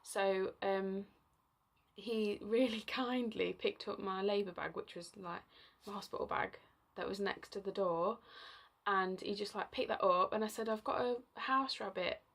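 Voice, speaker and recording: A young woman talks to camera, telling her own story in a loose, chatty ramble packed with fillers. Her mid-pitched voice carries a gravelly, creaky texture, and she gets emotional as she talks. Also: fairly even intonation, a little slow. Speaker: vlogger.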